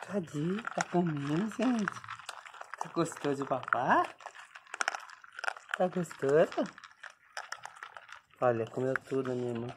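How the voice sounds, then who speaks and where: A man coaxing his pet dogs to eat, in a soft, cooing baby-talk voice that jumps up into high squeaks. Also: expressive, slow, pauses often. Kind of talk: casual talk to pets. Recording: noisy home recording with dogs around.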